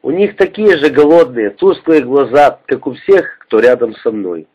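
A man narrating a memoir in a measured, vivid descriptive reading, in a dull lo-fi recording. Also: mid-range voice, animated, slightly rough.

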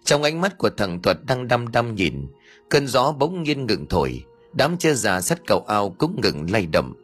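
A man's voice: mid-range voice, big pitch swings, measured pace, a bit bright, husky, faint music behind. A man narrating a scripted ghost story in a dramatic, tense storytelling manner.

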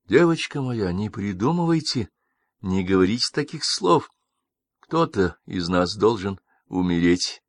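A man reading an audiobook, voicing a stern older gentleman who speaks slowly and deliberately. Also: mid-range voice, lively intonation, dry recording, clean studio sound, pitched above the performer's own voice. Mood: tender. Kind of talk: audiobook character voice.

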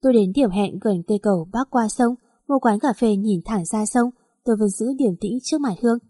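A woman narrating a dramatic audio story with an even, steady reading. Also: mid-range voice, fairly quick, husky, dry recording, studio quality.

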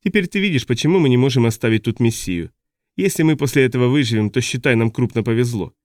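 A man's voice: mid-range voice, quick pace, darkish tone, no room sound, clean studio sound, close to an everyday voice. A man reading an audiobook, voicing a weary, blunt male village chief who explains things matter-of-factly.

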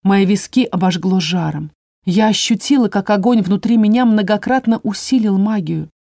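A woman narrating a first-person fantasy story in an even storytelling manner. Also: medium pitch, normal speed, no echo, studio quality. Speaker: audiobook narrator.

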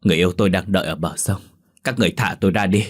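A man's voice: deep voice, rapid-fire, slightly rough. A man voicing a possessed young village girl, wailing to be let go, in a ghost story. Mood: frantic.

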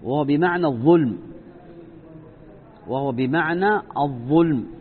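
A man teaching a religious lesson, explaining slowly, repeating and stretching key words and asking rhetorical questions. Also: a little high. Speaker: sheikh teaching Islamic creed. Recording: tinny phone-like lecture recording.

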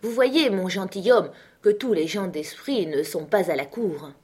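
Woman voicing a hearty, booming old host. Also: lively intonation, unhurried, breathy edge. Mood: hearty exclaiming. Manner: loud, exclamatory. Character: jovial older male host, hearty.

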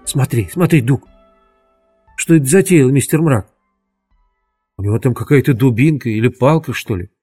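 A man voicing a cautious, excitable boy who talks fast and protests, reading a storybook aloud. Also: mid-range voice, slightly rough, faint music behind, close to an everyday voice. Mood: curious. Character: anxious cautious boy, Douglas's friend.

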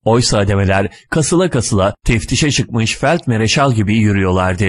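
A man narrating a short story in a measured, deliberate, dry manner. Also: fairly low pitch, lively intonation.

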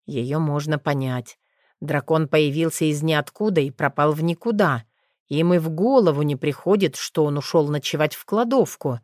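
Woman reading an audiobook, low voice, steady and measured, dry close mic. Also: dry recording. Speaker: audiobook narrator. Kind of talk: scripted audiobook narration.

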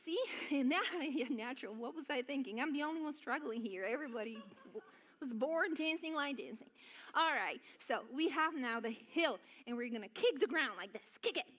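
Leading a children's church lesson, a woman from Bulgaria, a worship song and dance leader for kids, offers encouragement and easy instructions one step at a time. She speaks at a normal speed in a high, expressive, fairly bright voice.

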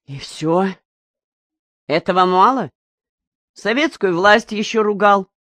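A woman's voice: medium pitch, takes it slowly, fairly bright tone, no room sound, pitched above the performer's own voice. A woman voicing a stern scolding village wife. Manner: curt, scolding. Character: stern rural wife, reproachful.

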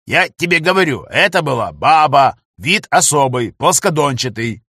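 A man voicing a panicky, excitable young male ship technician who yells in a high voice. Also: normal speed, breathy edge, no echo, exaggerated voice. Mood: indignant. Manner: excitable, shrill yelling.

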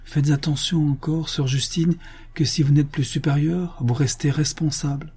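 A man's voice: on the high side, steady tone, moderate pace, dark tone, husky, pitched above the performer's own voice. A man reading the part of an aging priest, tired and compassionate, speaking with earnest sorrow. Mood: grave counsel. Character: weary compassionate aging male priest, grave and fervent.

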